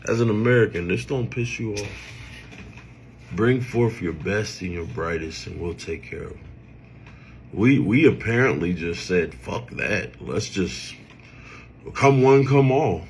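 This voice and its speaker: A man's voice: lowish voice, lively intonation, a little slow, a little hiss or hum. A man giving blunt, scornful political commentary.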